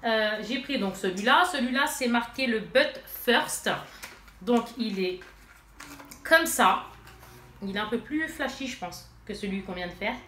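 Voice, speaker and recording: A chatty woman vlogger talks straight to her viewers, with a stuffy nose and plenty of fillers. Her voice sits a little high. The room is echoey, with faint noise behind her. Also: animated, measured pace, bright, forceful tone. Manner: chatty, addresses viewers directly, many fillers. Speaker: beauty vlogger. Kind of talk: casual haul and swatch demo.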